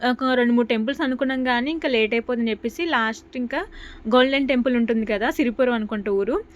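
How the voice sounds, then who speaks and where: Woman, young adult, vlog voice-over, chatty, rambling, quick, slightly high. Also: muffled recording. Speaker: vlogger. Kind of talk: casual vlog voice-over narration.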